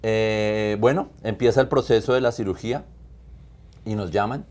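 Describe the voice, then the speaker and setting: A man with a very low, deep voice recounts a personal testimony in an earnest, emphatic way. He speaks as a pastor in conversation, repeating phrases for weight. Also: moderate pace, darkish tone.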